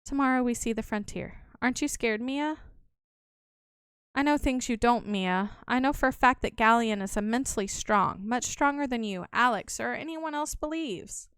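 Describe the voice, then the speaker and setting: Woman reading fretful young game mage, high clear tone. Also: normal speed, a bit bright, no room sound, clean studio sound, lightly acted. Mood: worried. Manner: worried, pleading. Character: anxious protective young male mage.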